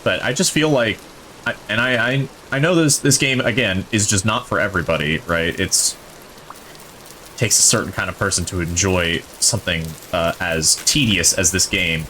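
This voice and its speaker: A man's voice: low voice, normal speed, pushed and bright, a little hiss or hum. A male streamer giving casual, chatty gameplay commentary, rambling and thinking aloud, enthusiastic about what he plays.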